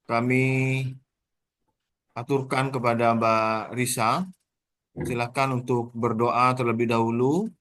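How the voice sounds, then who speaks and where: A man moderating a formal online thesis exam, orderly and steady, pausing with "eh" now and then. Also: mid-range voice, no room sound. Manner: orderly, formal, with frequent "eh" pauses. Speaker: thesis examiner. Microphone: video call.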